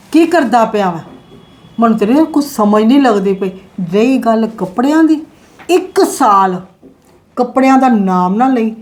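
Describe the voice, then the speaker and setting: Playing a strict, frugal mother of two sons in a family drama, an actress lectures in an exasperated, scolding way. Her voice sits on the high side with a darkish tone, and the room is echoey with faint noise.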